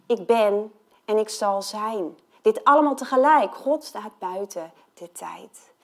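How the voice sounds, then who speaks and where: A woman giving a sermon, speaking earnestly and with emphasis, sometimes dropping to a hushed tone on key points. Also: mid-range voice. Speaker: preacher.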